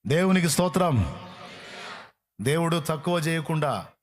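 A man's voice: on the high side, lively intonation, a little slow. A male pastor preaching a fervent sermon in speech, repeating phrases and building to rising calls.

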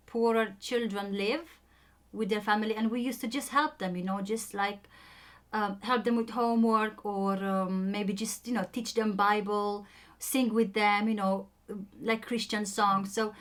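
A young native Romanian speaker with a Romanian accent tells her own story in casual conversation. Her mid-range voice is hesitant, full of ums and restarts.

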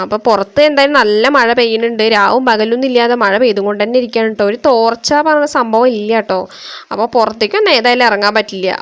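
A young woman from Kerala in India narrating her family vlog as a voice-over recorded at home, in a chatty, homely way. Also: a little high. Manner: chatty, homely, reassuring tag endings. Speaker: family vlogger.

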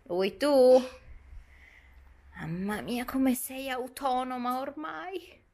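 A woman's voice: high-pitched, takes it slowly, dark tone, slight background noise. A young woman and mother talking casually to her viewers in a home vlog, chatty and explaining things, filmed on a handheld camera in her kitchen and living room. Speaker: vlogger and mother.

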